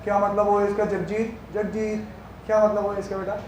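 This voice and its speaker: A man teaching an accounts class, joking with his students and reading the questions out slowly. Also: high-pitched, level tone, background noise. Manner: teasing, banters with students, reads questions slowly. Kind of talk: classroom lecture. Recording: echoey classroom.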